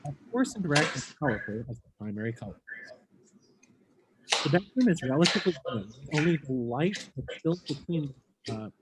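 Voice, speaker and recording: A man reading stage directions as scripted narration for a play. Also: mid-range voice. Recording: noisy home recording.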